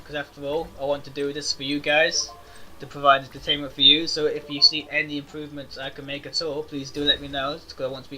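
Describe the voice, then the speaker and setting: In poor audio, a man with a sharp-toned voice offers casual let's-play commentary on his gaming channel. He talks easily to viewers and reasons aloud through a card game, and he calls his own voice high-pitched.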